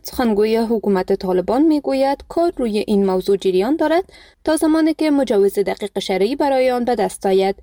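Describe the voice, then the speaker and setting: A woman with an Afghan Dari accent reading a scripted radio news report in an even, formal manner. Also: medium pitch, no room sound, clean studio sound. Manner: even, formal read delivery. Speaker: news reader. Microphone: studio mic.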